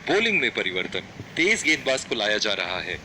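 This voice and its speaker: A man voicing an excitable cricket commentator in a video game, with animated, dramatic phrasing. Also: mid-range voice, a little fast. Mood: excited, engaged. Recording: noisy stadium game audio.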